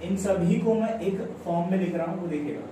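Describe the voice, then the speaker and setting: A high-pitched Indian man with a mellow tone walks through a maths lesson step by step, firing little questions at his students. The room echoes heavily and the mic sits well away from him. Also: a little fast. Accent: Indian English mixed into Hindi. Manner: explains step by step, repeats phrases, coaxes students with questions. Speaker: maths teacher. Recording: very echoey room, mic far off, faint background noise.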